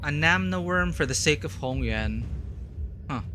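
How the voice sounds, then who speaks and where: A man hosting a game playthrough, mixing casual, expressive reactions with dramatic reading of text. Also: a little high, unhurried. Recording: voice over game music.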